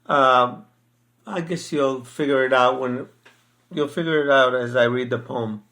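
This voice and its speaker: A man's voice: medium pitch, a little slow, sharp tone. An older man in a casual chat, who then reads his own poem aloud, speaking hesitantly with many fillers. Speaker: poet sharing his poems.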